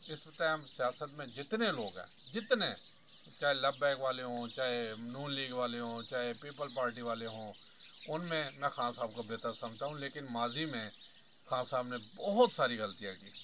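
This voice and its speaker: A man in his mid-fifties with a very sharp, forceful and bright voice, talking straight to his viewers in a long, earnest political commentary. He explains his points at length. A faint hum of noise sits behind him. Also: medium pitch. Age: 50s. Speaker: vlogger.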